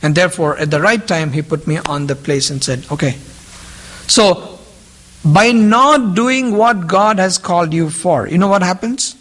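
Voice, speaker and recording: The recording is rough, but the man's high-pitched, fairly bright voice comes through animated and measured as he preaches to a group. He speaks English as a second language, repeating key phrases and putting questions to his audience.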